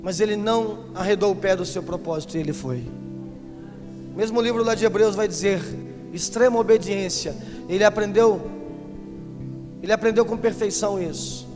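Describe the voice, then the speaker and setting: High-pitched man preaching, swells into fervent shouts, long church reverb, music behind. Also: normal speed, long pauses. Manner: swells from soft teaching to impassioned shouting. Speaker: pastor. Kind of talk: sermon. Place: large church.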